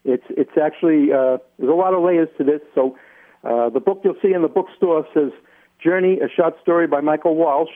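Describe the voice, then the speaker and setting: Male interview guest, New England accent, slightly high voice, halting and deliberate explainer, narrow phone-like radio sound. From Massachusetts, United States.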